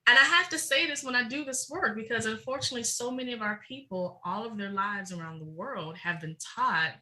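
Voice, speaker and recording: A woman's voice: a little high, pushed and bright, rough recording. A middle-aged woman speaking passionately and emphatically as a guest in a podcast interview. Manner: passionate, emphatic, fast-flowing. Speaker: guest, researcher.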